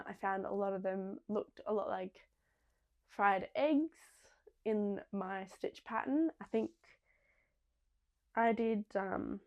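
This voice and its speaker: Chatty woman with a gravelly voice. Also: mid-range voice. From Australia. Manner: chatty, rambling, many ums. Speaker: podcast host. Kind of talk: casual chat.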